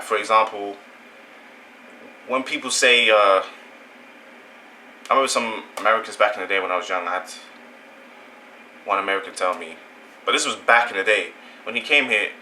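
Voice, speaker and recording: On his channel, a young British host from England rambles through his opinion in a casual, conversational way, frequently correcting himself. His voice sits on the low side, pushed and bright, at a moderate pace broken by long pauses. Slight background noise marks the low-quality recording.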